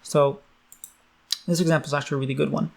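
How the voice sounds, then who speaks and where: Guy teaching a language online, gravelly, slightly high voice, loose and chatty. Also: level tone, fast. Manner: loose and chatty, many ums, explains with English glosses. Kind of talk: casual online lesson.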